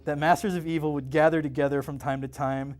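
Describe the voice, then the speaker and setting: A man's voice: fairly high pitch, flat delivery, fast talker, darkish tone. Man reading his novel live in a shop. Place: comic and game shop.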